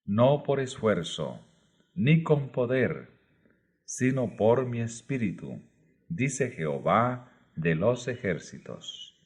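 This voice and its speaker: A man narrating a religious book aloud, reading in slow, measured short phrases. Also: mid-range voice, sing-song, husky. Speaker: audiobook narrator.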